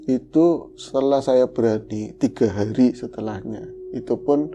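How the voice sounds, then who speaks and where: A man recounting his own eerie experience in casual chat, talking in a lively, conversational way with frequent fillers. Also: medium pitch, measured pace. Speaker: guest storyteller.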